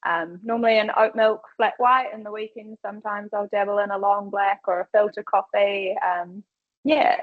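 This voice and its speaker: A woman's voice: mid-range voice, steady tone, moderate pace. Upbeat New Zealand woman on a webinar. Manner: upbeat and chatty, casual phrasing. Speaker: customer experience and field sales manager. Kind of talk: webinar panel introduction. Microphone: video call. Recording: dull lo-fi video call audio.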